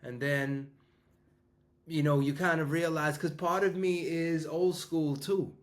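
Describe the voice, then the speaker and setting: His voice is slightly high with fairly even intonation, and he takes his time. He is a New York business coach and school founder in his fifties, rambling conversationally to his audience with frequent restarts and fillers.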